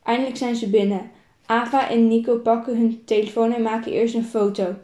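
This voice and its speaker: A woman's voice: a little high, fairly even intonation, a little fast, mellow, reverberant. A woman reading a self-written story aloud, plainly and with small repeats and restarts.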